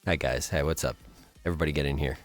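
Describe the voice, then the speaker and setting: A man's voice: extremely low pitch, steady tone, rapid-fire, faint music behind. A man streaming live, chatting casually with viewers and thinking aloud as he builds.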